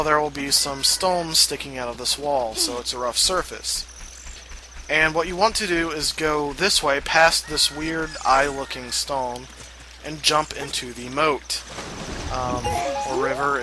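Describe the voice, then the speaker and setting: A male let's play host from the Southern US gives casual walkthrough commentary on a video game, full of fillers and asides, while game music plays behind him. His voice is fairly high, and the recording quality is low.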